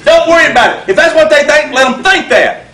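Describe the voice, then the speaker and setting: On stage before a live audience, a male motivational speaker delivers a funny, folksy talk in a very high-pitched, animated, fast voice, drawling through stories that land on punchlines. The hall sounds roomy, the mic distant, and the noise loud.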